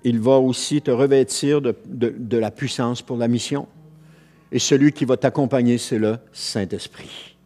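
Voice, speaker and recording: A man's voice: mid-range voice, steady tone, moderate pace, mellow. A man with a Quebec French accent preaching a sermon as pastor, earnest, repeating phrases and restarting lines as he goes.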